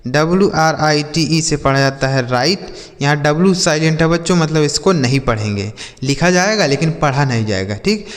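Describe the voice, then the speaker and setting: A man teaching English vocabulary from Hindi, spelling each word letter by letter and slowly repeating every example sentence. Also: fairly high pitch, animated, big-room sound. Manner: asks the listener questions and answers them himself. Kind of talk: slow, drilled vocabulary lesson.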